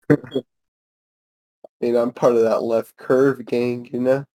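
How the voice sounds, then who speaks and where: A young podcast host chats in a casual, laid-back way, using heavy slang and saying "bro" a lot. His voice is medium-pitched, level in tone, slow and mellow.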